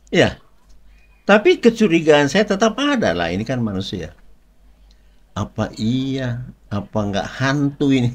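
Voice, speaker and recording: Low-voiced man telling his faith story. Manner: conversational storytelling with frequent asides to listeners; jokes lightly while telling the story. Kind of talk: personal faith testimony.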